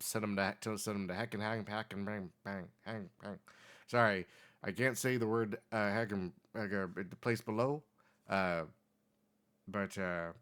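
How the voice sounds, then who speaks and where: A man voicing a very old diner keeper, muddled and folksy, who repeats himself haltingly. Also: on the low side, a bit bright. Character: very old rambling man running a roadside diner.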